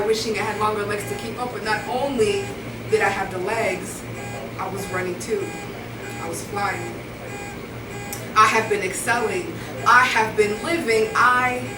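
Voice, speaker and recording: A woman in her twenties from Rwanda, performing spoken word poetry live with an earnest, rhythmic delivery that builds through repetition. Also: medium pitch. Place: indoor live venue. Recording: echoey room, voice from far off, music behind.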